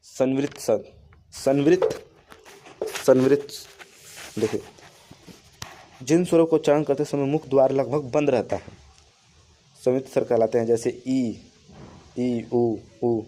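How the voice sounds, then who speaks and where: A man teaching grammar with a very dark, mellow voice. He restates each rule in simpler words and draws out the vowel examples he sounds. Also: medium pitch, moderate pace, long pauses, a little hiss or hum. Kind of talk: classroom-style lesson.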